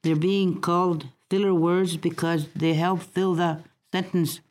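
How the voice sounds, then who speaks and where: A woman gives a recorded language lesson in a somewhat low voice. She speaks very slowly and carefully, repeating words so learners can follow. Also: flat delivery, a little mellow. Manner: slow, deliberate, repeats words for practice. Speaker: language teacher.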